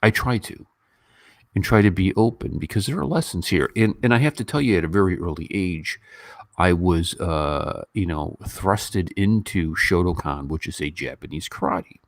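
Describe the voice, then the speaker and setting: Speaking at normal speed, a YouTube host with a deep voice chats casually and meanders through livestream commentary. He comes from a Western country, keeps things informal, and livens up when copying how others talk. The studio-quality recording has no echo.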